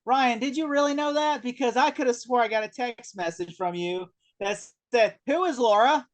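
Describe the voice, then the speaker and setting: Give me an animated man chatting about a TV episode, acting out the lines he quotes. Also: extremely high pitch, moderate pace. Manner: animated, acts out characters in quotes. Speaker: podcast co-host. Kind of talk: casual chat.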